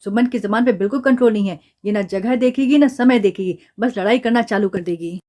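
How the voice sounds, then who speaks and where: A woman's voice: medium pitch, fairly quick, mellow, close to an everyday voice. A woman voicing a quarrelsome middle-aged husband who grumbles and brushes his wife off, in a doll drama. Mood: fed up. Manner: grumbling, dismissive. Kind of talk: doll drama role-play.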